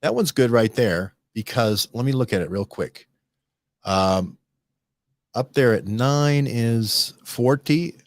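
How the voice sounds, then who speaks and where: A man hosting a casual studio discussion, rambling and animated, often restarting and checking in with "right?". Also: medium pitch, takes it slowly, no room sound. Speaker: host.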